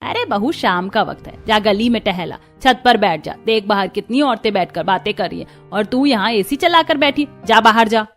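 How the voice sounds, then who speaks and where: A woman voicing a stingy, bossy middle-aged mother-in-law in a cartoon, sharp-tongued and scolding. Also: medium pitch, lively intonation, normal speed, few pauses, soft background music, close to an everyday voice. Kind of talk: cartoon voice acting.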